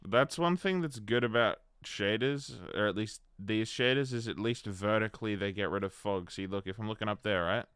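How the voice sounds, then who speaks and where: A man's voice: fairly low pitch, moderate pace, hardly any pauses, a bit bright, clean tone, no room sound, clean studio sound. A man chatting casually on a gaming livestream, rambling and answering his chat by name. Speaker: streamer.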